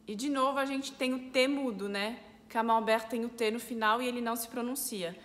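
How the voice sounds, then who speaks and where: A woman with a Brazilian Portuguese accent, a French teacher, explaining pronunciation clearly step by step. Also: fairly high pitch, steady tone, fairly quick, big-room sound. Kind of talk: pronunciation lesson.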